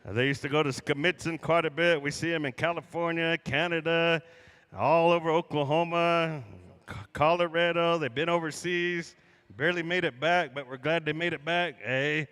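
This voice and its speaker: A man working as a powwow emcee, addressing the arena crowd in a folksy, drawn-out announcer style with joking asides, over the PA. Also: fairly high pitch, fairly even intonation, fairly bright tone, smooth. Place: large indoor coliseum. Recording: arena PA with long hall reverb.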